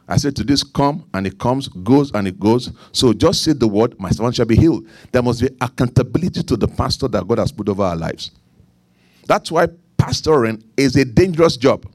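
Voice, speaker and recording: Preaching with a Nigerian accent, a middle-aged pastor repeats his key lines and presses emphatic points before sinking into quiet, low asides. The recording has no echo.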